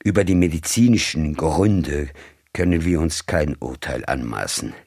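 Brief: man playing a cold, formal agent, very deep, slow, husky. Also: darkish tone, no echo, clean studio sound, full character voice. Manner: cold, formal, measured, turning commanding. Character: cold, commanding middle-aged male agent of a rich employer.

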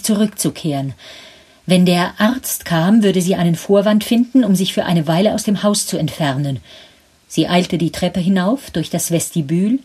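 Husky woman narrating a story. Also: fairly low pitch, darkish tone.

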